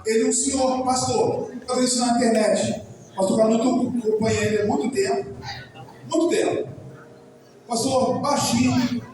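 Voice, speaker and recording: A Brazilian man with a high voice preaches a loose, conversational sermon, repeating himself and calling out to the congregation. He sounds far from the microphone, and his voice booms around a large, reverberant church hall. Steady background noise sits under his words. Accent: Brazilian Portuguese. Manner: chatty, repetitive, keeps addressing the congregation directly. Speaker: pastor. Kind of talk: informal sermon. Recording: echoey hall, distant mic, noisy.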